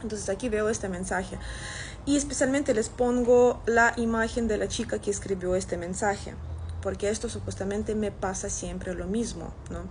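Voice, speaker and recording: This Russian content creator, a woman in her thirties, talks casually to camera as she responds to comments, with a Russian accent. She speaks at a moderate pace in a mid-range, darkish voice, recorded on a phone at arm's length with a little hiss or hum.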